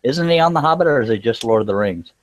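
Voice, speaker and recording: Fast and lively in intonation, a medium-pitched man talks casually during a workshop livestream he hosts. He's a scroll saw craftsman, and his chat while working is folksy and joking.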